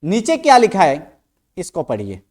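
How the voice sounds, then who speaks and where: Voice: mid-range voice, huge pitch swings, unhurried, a little mellow. A teacher giving an online language lesson, who keeps asking the class questions and repeats each sound aloud to drill pronunciation.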